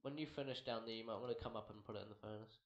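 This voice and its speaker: A man casually chatting while playing a game with a friend, mostly flat and dry with sudden startled yelps. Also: on the low side, rapid-fire, dull audio. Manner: dry, self-described monotone, with sudden yelps. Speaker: gamer. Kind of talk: casual gameplay chat. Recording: roomy home recording, faint hiss.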